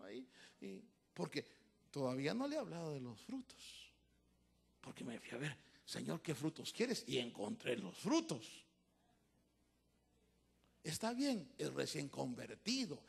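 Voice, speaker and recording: Animated preaching man, gravelly and husky. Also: high voice. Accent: Central American Spanish. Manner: animated preaching, swinging from shouts to hushed asides with laughter. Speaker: pastor. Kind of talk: sermon.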